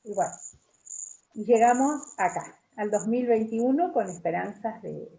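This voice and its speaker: Hesitant woman author, mellow tone. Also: fairly high pitch, expressive, measured pace, vocal fry. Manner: warm, hesitant with fillers. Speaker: author guest. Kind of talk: video call conversation. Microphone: video call. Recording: dull lo-fi call audio.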